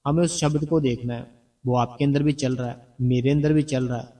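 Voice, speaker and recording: A man's voice: mid-range voice, fairly even intonation, brisk, warm tone. A man giving a devotional talk to the congregation, explaining earnestly and repeating his points to coax the listeners. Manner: earnest, repetitive, coaxing explanations. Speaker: spiritual narrator addressing the congregation. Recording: distant mic with background music.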